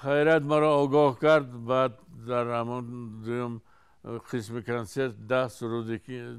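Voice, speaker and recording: A Tajik-accented man in his seventies, a singer from Tajikistan, telling stories in an unhurried way with frequent restarts during an interview. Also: mid-range voice, clear, resonant tone. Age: 70s.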